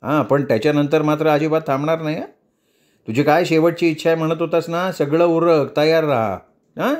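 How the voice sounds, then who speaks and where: A man's voice: fairly high pitch, fairly quick, lightly acted. A brusque messenger of death, played by a male storyteller, hurries his victim along, impatient and matter-of-fact. He talks in plain, clipped orders.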